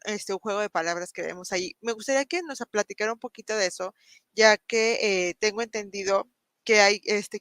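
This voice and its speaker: A woman's voice: medium pitch, a bit bright, dry recording. Hesitant woman asking a question. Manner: hesitant, polite, many fillers. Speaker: interviewer.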